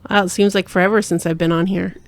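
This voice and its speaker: A woman's voice: lowish voice, level tone, fast, no echo. A woman co-hosting a casual chat in a home studio, playful and teasing, laughing often. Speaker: co-host.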